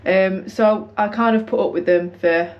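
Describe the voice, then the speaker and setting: In a hallway at home, a young adult British woman who vlogs about running talks casually and self-deprecatingly at a measured pace. Her medium-pitched voice has fairly even intonation, and the audio from the nearby or arm's-length camera sounds dull.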